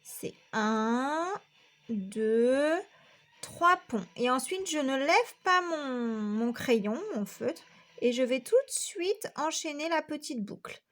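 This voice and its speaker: A woman's voice: sits high, expressive, measured pace. A woman teacher from France giving a patient, step-by-step handwriting lesson to young children, counting each stroke aloud. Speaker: primary school teacher.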